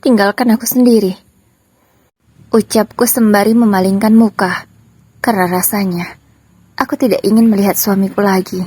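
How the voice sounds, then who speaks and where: A woman narrating a first-person story in a slow, sorrowful way. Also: medium pitch, dark tone, slightly rough, no room sound.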